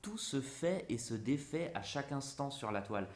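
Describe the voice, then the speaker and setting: A man's voice: mid-range voice, lively intonation, moderate pace. A man reading a literary essay aloud in a musing, theatrical way. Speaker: narrator. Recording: roomy echo.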